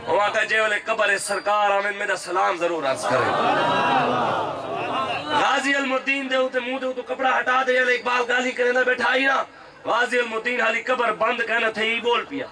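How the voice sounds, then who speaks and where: Fiery high-voiced preacher. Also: male voice, fairly even intonation, far from the mic, crowd noise, background noise. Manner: fervent, preaching, rising to shouts. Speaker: pir addressing a religious political gathering. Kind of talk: impassioned sermon with storytelling.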